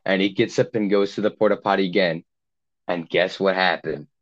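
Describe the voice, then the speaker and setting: A young podcast co-host tells a long camp story in a casual, rambling way, filling every gap with "like" and acting out the voices of the people involved. His low voice moves fairly quickly with fairly even intonation, and the recording is a little dull and lo-fi.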